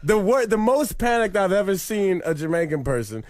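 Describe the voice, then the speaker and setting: A man's voice: sits high, very animated, moderate pace, a little mellow, dry recording. A man co-hosting a comedy podcast, telling stories in a laid-back way and swearing freely. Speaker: podcast co-host. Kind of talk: casual comedy storytelling.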